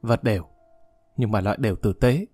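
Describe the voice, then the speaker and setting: A man's voice: lowish voice, fairly quick, mellow, slightly rough, dry recording, soft background music. A man reading as a frank young tennis player. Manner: frank and matter-of-fact.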